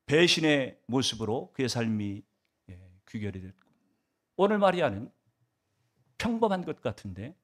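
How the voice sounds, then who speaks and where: A male pastor delivering a Sunday sermon, asking the congregation rhetorical questions and swinging his emphasis up and down. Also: mid-range voice.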